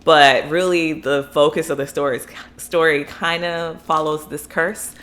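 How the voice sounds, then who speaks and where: A young Florida book vlogger speaks a little slowly in a low-sitting voice with a steady, fairly bright tone. Her casual, enthusiastic reviews wander, crowded with fillers and asides, and she's from Florida, USA.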